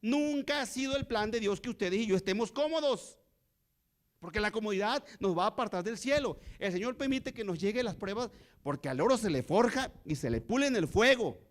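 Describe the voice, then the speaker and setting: A man's voice: high voice, expressive, fairly quick. A man preaching a sermon to his congregation, telling a story and asking rising rhetorical questions. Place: church.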